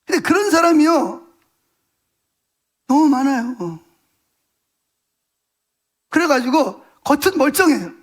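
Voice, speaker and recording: A man's voice: extremely high pitch, sing-song, takes it slowly, pauses often. A man preaching a Sunday morning sermon as pastor, emphatic and colloquial, firing rhetorical questions at his congregation. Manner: repeats words for stress, colloquial.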